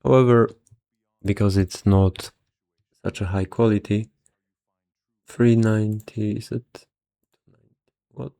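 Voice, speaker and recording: His lowish, creaky voice holds a steady, dark tone, moving slowly and pausing often. He's an investor walking through stock valuations, a bit tired, thinking aloud in a casual, hesitant half mutter.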